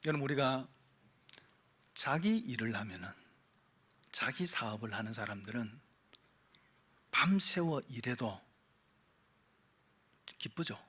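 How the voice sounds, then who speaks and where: A man preaching a Sunday sermon as pastor, asking the congregation rhetorical questions and moving between forceful emphasis and hushed, low passages. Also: animated, slow pace, long pauses, husky. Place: church sanctuary.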